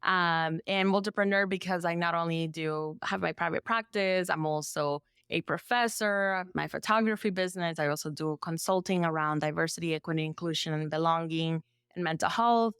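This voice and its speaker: A woman's voice: lowish voice, normal speed, a bit bright, clear, resonant tone, dry recording, studio quality. A woman from El Salvador, a therapist and business owner, chatting as a podcast guest and filling her talk with "like" and "you know.". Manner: chatty, filler-heavy with frequent "like". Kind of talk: casual interview conversation.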